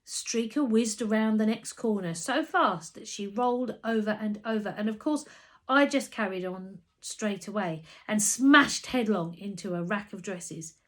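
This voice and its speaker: A woman reads a children's story aloud, narrating expressively in a medium-pitched voice at a measured pace.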